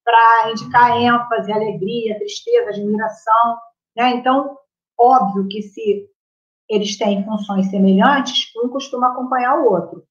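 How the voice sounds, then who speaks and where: This woman's voice is on the high side, a little slow, with fairly even intonation, and carries a Brazilian Portuguese accent. Teaching a live grammar class, she chats along and repeatedly asks "right?" to check in with students. The room sound is roomy and slightly muffled.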